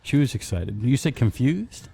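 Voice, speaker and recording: A man's voice: medium pitch, big pitch swings, normal speed, gravelly, warm tone, breathy edge. A man co-hosting a casual podcast, joking and rambling, listing things off on a webcam. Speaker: podcast co-host. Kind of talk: casual chat. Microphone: webcam setup.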